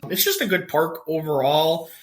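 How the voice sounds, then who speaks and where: A man's voice: a little high, very animated, moderate pace, a crowd in the background. A young man with a Wisconsin accent, co-hosting a casual podcast and joking around with his co-host. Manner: jokey, announcer-style fight intros. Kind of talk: casual chat.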